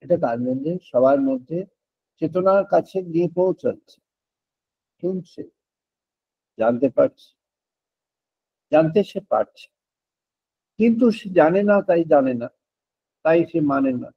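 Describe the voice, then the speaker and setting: An older man giving a devotional spiritual talk in slow, deliberate, drawn-out phrases, slipping in English words. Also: on the high side, lively intonation, husky. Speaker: spiritual speaker. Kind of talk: devotional discourse. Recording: dull, muffled lo-fi recording.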